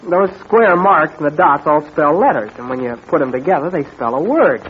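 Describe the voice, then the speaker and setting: An American male actor playing an eager, bright boy sidekick in an old radio show adventure serial. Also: on the high side, animated, brisk, close to an everyday voice. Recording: tinny, noisy old radio recording.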